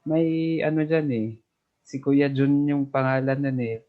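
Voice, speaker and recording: A man from the Philippines, a guest overseas worker, chatting casually in an unhurried, easygoing way over a remote call. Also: mid-range voice, steady tone. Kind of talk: casual chat. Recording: dull lo-fi call audio.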